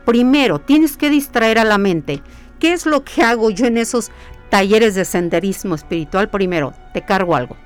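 Woman speaking earnestly, pitch in the middle of her range, faint music in the background, conversational interview, repeats phrases and asks herself rhetorical questions. She sounds like a guest explaining a practice she leads. Her pace is steady and unhurried. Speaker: guest, spiritual hiking workshop leader.

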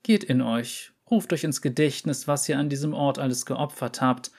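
Cool composed runesmith woman done by a guy reading a story, even measured delivery, bit higher than his own voice. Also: breathy edge. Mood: calm, authoritative. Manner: calm and measured. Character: calm, unsettling female imperial runesmith. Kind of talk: audiobook reading.

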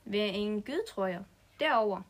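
A woman's voice: mid-range voice, lively intonation. A woman reading a story aloud and voicing Lara, a frightened, panicky girl. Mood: unsure. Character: scared anxious girl Lara.

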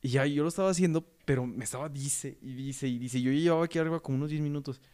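A young Mexican man spins a loose, slangy anecdote in relaxed conversation. His voice sits at an ordinary middle pitch, and he laughs easily as he rambles. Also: rapid-fire. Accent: Mexican Spanish. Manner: slangy, rambling storyteller who laughs often. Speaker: podcast host. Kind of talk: casual chat.

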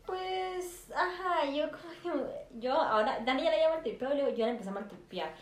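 Fast high-voiced woman. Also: animated, echoey room, slight background noise. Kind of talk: casual chat.

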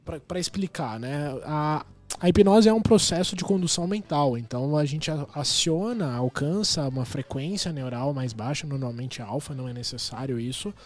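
A man's voice: a little high, moderate pace. A man, a hypnotherapist guest, explaining his work in an explanatory way full of technical terms.

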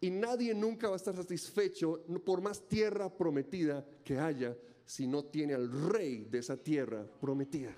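A man's voice: on the high side, moderate pace, few pauses, warm tone. A male pastor preaching a dramatic sermon, acting out voices and firing off rhetorical questions.

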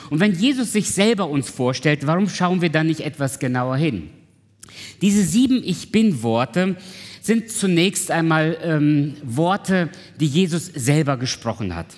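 A pastor delivers a sermon in a conversational manner, often turning to his listeners with questions. His voice sits a little high and moves with lively pitch. The sound carries a long reverb from a church hall. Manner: conversational, asks the congregation questions.

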